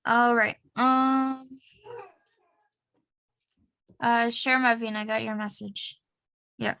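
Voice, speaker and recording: A woman's voice: fairly high pitch, level tone, very slow, bright, forceful tone, no room sound, rough recording. A young woman teaching an online class over a video call, patiently having students repeat phrases after her.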